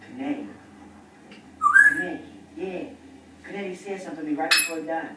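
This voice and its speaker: A man's voice: on the high side, fairly quick, natural voice. An actor playing a cocky, wisecracking young man in a film, speaking in a brash, slangy way. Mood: earnest. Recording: very echoey, noisy, distant film playback.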